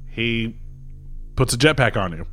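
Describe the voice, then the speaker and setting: A man's voice: medium pitch, animated, measured pace, a bit bright. Laid-back male game master, loose and profane, light music bed. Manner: loose, laughing, swears freely. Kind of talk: narrating a tabletop game.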